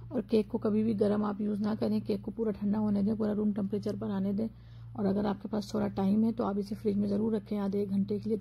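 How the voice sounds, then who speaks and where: A woman narrating her own cooking video as a voice-over, calmly explaining each step. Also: mid-range voice, creaky, muffled recording, a little hiss or hum. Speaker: cooking vlogger.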